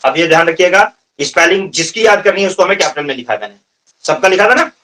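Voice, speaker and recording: In a classroom lecture recorded at a distance, a Hindi-accented man in his thirties teaches English vocabulary, firing off questions and repeating his students' answers. His voice sits high, with a sharp tone, and he speaks fast and expressively.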